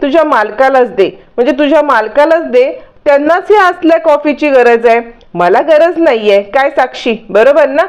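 A woman's voice: high-pitched, lively intonation, moderate pace, hardly any pauses, dull audio, voice pushed up. A woman voicing a scheming, overconfident young woman who threatens everyone, in a taunting way. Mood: threatening.

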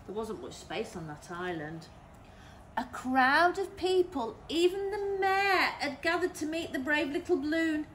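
A woman's voice: high-pitched, measured pace, a little hiss or hum. A nursery teacher, a woman, reading a picture book aloud to young children, gasping and asking them questions. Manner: animated, with gasps and questions to the children.

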